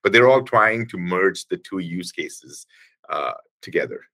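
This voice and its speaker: A man with a very low voice is a guest on a podcast. He explains things patiently at length, stops often and starts his sentences over. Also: lively intonation, bright, forceful tone. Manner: explanatory, halting with many restarts. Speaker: guest, engineering executive. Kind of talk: podcast interview.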